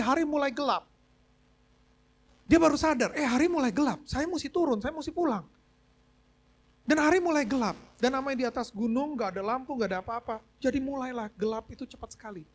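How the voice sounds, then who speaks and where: A man preaching a sermon as pastor, telling a story and mixing English phrases into his talk. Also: sits high. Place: church service.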